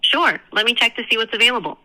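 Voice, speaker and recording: A woman's voice: on the high side, expressive, fast, bright, forceful tone, rough recording. A synthetic woman's voice acting as a phone receptionist, heard through a phone on speakerphone, with polite scripted customer-service phrasing. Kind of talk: booking call.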